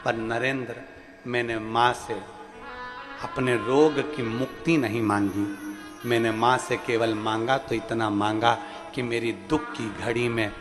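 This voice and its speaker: A male preacher voicing a gentle, humble elderly saint, speaking softly and tenderly in a sermon retelling. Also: on the high side. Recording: long hall reverb with faint music.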